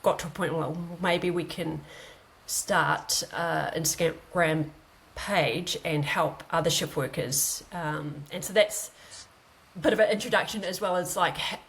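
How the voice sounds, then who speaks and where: A woman's voice: sits low, measured pace, gravelly, a bit bright. A woman in her late thirties with a broad New Zealand accent, telling her own story conversationally as an interview guest. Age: late 30s. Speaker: guest, paramedic.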